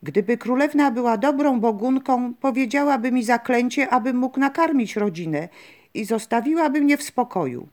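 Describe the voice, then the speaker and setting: A woman's voice: on the high side, moderate pace, a little mellow, natural voice. A woman voicing a poor young fisherman who speaks in an earnest, troubled way. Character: poor young fisherman, worried yet stubborn.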